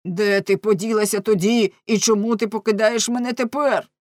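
A jealous, hot-tempered husband, voiced by a woman reading a storybook aloud. He shouts and rants in anguished outbursts. The sound is close and dry. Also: fairly low pitch, measured pace, no room sound. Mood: shocked. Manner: loud, ranting, anguished outbursts.

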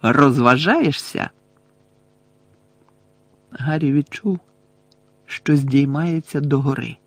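A man reading an audiobook aloud with expressive storytelling. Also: medium pitch, moderate pace, no echo. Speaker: audiobook narrator.

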